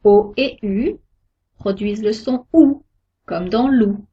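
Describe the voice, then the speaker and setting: A woman giving a scripted pronunciation lesson, sounding out each example word slowly and carefully. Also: medium pitch, dark tone, breathy edge. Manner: slow, careful, deliberate articulation of example words. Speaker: French pronunciation teacher. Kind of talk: slow scripted lesson narration. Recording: dull lo-fi recording.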